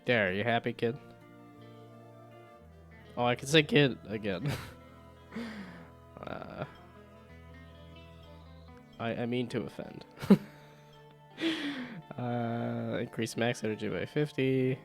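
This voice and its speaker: A man's voice: mid-range voice, takes it slowly, vocal fry, long pauses, faint music behind. Chatty laughing male game streamer. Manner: chatty, laughs often, reads game text aloud. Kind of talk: casual game stream chat.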